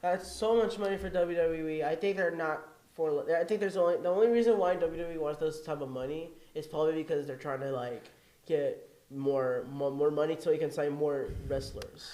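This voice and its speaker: A man co-hosting a casual podcast, relaxed and agreeable. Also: fairly high pitch, moderate pace. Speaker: podcast co-host. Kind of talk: casual wrestling chat. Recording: echoey room.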